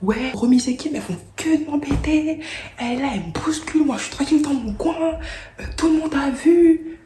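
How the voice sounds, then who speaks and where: A woman's voice: a little fast, warm tone, reverberant, close to an everyday voice. A woman voicing a complaining teenage schoolgirl who plays the victim, in a raised, whining tone. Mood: whiny. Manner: high, complaining, playing the victim. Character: whiny accusing teenage schoolgirl rival.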